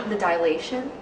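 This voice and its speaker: A woman who works at a clinic explains things casually and matter-of-factly, caught on a hidden mic. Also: lowish voice. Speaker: clinic staff member. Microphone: hidden body-worn recorder, away from speaker. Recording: covert hidden mic, distant, echoey, very noisy.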